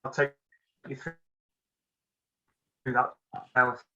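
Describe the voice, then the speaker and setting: Auditor man on a glitchy, cutting-out call line, bright-toned, flat delivery. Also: mid-range voice. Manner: measured, formal, with repeated restarts. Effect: choppy, breaking-up video call audio. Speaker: external auditor presenting a report. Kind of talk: formal committee meeting. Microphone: video call. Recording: dull lo-fi video call line.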